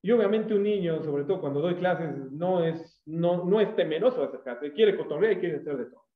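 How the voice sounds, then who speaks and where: Animated Mexican pastor, high voice, echoey. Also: male voice, a little fast, narrow, tinny audio. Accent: Mexican Spanish. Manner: animated, acts out quoted voices. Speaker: pastor and teacher. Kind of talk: sermon with storytelling.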